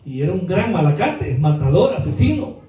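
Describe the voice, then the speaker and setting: A high-voiced man preaching in a church, his voice ringing through a very echoey hall as he stands back from the mic. He drops to quiet asides, then bursts into shouts and fires off rhetorical questions at the congregation. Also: sing-song, moderate pace, far from the mic, faint music behind. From El Salvador. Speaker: pastor. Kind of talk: sermon.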